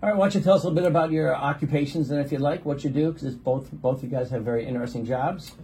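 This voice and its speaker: A man's voice: a little high, racing, warm tone, slight background noise, low-quality recording. A man, a pastor, guest-hosting a gospel talk show and interviewing a couple in a friendly, joking way with many fillers. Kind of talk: casual interview chat.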